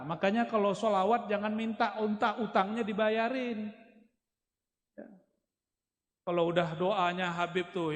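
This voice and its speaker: A man preaching a humorous sermon, telling stories in a joking, animated way. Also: sits high. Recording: echoey hall.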